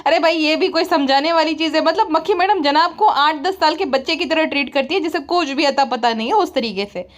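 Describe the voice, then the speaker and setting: A woman with a high voice delivering mocking parody commentary. She talks in a chatty, sarcastic way and scolds often. The delivery is playful and teasing. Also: fairly quick, hardly any pauses. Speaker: comedy commentator.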